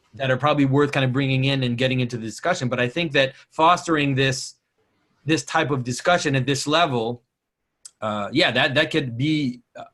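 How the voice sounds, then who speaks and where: A man from Quebec, French being his first language, speaks with a French Canadian accent in casual conversation. He thinks things through in a hesitant, thoughtful way, restarting often, with a medium-pitched, fairly bright voice.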